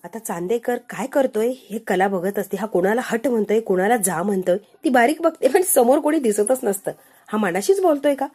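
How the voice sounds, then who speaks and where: A woman's voice: fairly high pitch, lively intonation, moderate pace, warm tone, breathy edge. A woman recapping a TV serial episode in a dramatic way, acting out the lines and adding sarcastic, mocking asides. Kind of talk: dramatic recap with acted-out quotes.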